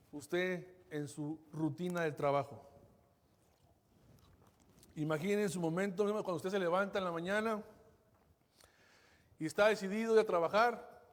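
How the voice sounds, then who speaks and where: Pastor guy preaching, high voice, loud then hushed, big echoey hall. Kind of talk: sermon. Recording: long reverberant hall.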